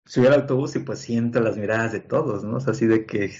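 A man's voice: mid-range voice, fast, muffled recording. A man with a Mexican accent telling a personal story casually, tagging sentences with "¿no?" and acting out what people said. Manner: animated storyteller, acts out quotes, many fillers like "¿no?" and "este".

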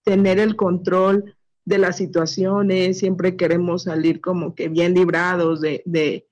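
A woman, a mother speaking earnestly and thoughtfully in a women's group, often pausing to search for her words. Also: on the low side, little pitch movement, darkish tone, highs cut off. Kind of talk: reflective group sharing.

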